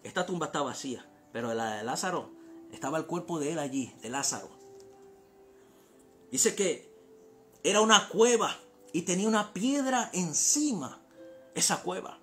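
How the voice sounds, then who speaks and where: A male pastor from Panama preaching a sermon, swinging from hushed storytelling to impassioned shouts. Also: fairly high pitch, animated, normal speed, long pauses, faint music behind.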